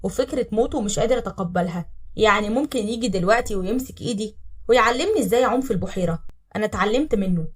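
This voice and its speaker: Teasing young man by a woman narrator, Egyptian accent, quick, husky, recorded from afar. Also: mid-range voice, expressive, far from the mic. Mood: wistful.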